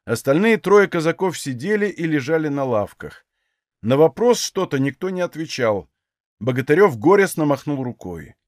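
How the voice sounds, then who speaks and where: A man reading a novel aloud as an audiobook narrator, measured storytelling. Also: a little high, sing-song, no room sound, clean studio sound. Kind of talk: scripted narration.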